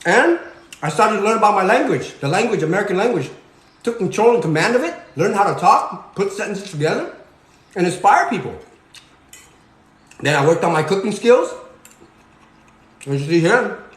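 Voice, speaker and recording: A man's voice: high-pitched, animated, moderate pace, pauses often, echoey room. A man in his forties, born in Cambodia, giving a preachy motivational talk while he cooks, repeating "okay?" and "you guys". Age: 40s. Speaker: fitness vlogger. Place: home kitchen.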